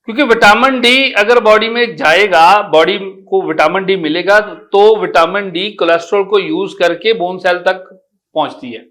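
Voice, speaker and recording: A middle-aged man, an Ayurvedic doctor explaining health advice in an animated, explanatory way. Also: high-pitched, moderate pace. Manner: animated, explanatory, with homely personification.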